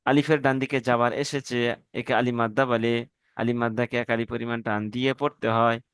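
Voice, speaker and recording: Male teacher, smooth clear voice, dry close sound, drills letter-by-letter spelling. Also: medium pitch, level tone, a bit bright, dry recording. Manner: spells out letters slowly, syllable by syllable; addresses students politely as brothers. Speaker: Quran reading teacher. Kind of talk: online class instruction.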